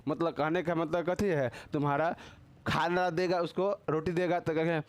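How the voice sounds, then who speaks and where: A man's voice: fairly high pitch, flat delivery, normal speed, clear, resonant tone, no room sound. A man teaching a casual grammar class, teasing and quizzing his students with constant tag questions.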